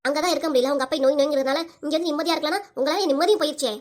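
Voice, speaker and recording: A woman's voice: high voice, rapid-fire, lightly acted. A woman voicing a short-tempered young mother who nags and scolds, with a southern Tamil accent. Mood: scolding. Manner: nagging, scolding.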